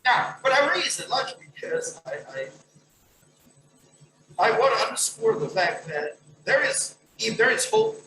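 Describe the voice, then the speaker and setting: A man lecturer answering an audience question in an academic Q&A, talking emphatically with wide swings in pitch. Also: wildly swooping pitch, unhurried, pauses often, pushed and bright. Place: lecture hall. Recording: echoey hall.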